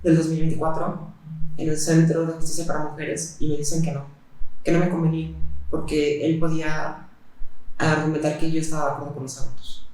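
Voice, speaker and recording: A woman recounts her experiences in an interview, speaking in a flat, even tone. She talks haltingly, filling her pauses with hesitations. The recording is heavily echoey. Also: low-pitched. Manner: halting, with frequent fillers and pauses. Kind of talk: personal testimony in interview. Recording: very echoey room.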